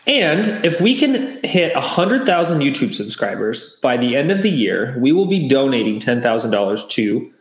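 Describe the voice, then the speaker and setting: A man's voice: mid-range voice, very animated, normal speed, hardly any pauses. A man co-hosting a podcast, chatting casually and plugging the channel with enthusiasm. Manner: upbeat, promotional. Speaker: podcast co-host. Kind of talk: casual chat. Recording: roomy echo.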